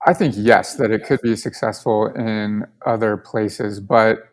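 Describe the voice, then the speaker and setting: Speaking a little slowly in a fairly low, steady voice, the guest co-founder from Colorado handles a casual podcast interview. He answers with enthusiasm in a relaxed way, leaning heavily on filler words.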